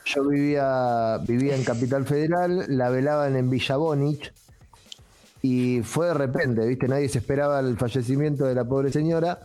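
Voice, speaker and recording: A man's voice: medium pitch, moderate pace, mellow, soft background music. A man with an Argentine accent, a co-host telling rambling comic anecdotes in casual chat and often breaking into laughter. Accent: Argentine Rioplatense. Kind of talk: casual comedic storytelling.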